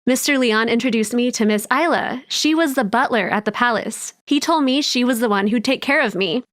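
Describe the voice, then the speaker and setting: A woman's voice: a little high, brisk, fairly bright tone, no echo, studio quality. A woman narrating a first-person storytime in a wide-eyed, dreamy way.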